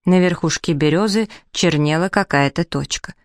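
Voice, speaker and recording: Expressive woman reading a fairy tale. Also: on the low side, moderate pace, dry recording, studio quality. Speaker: storyteller. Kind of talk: audiobook narration.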